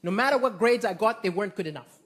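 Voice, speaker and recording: A man from Malawi performing a stand-up comedy set with a punchy, animated delivery. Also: high voice, fast talker. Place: comedy club with live audience. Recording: noisy live club recording, crowd laughter. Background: audience laughter.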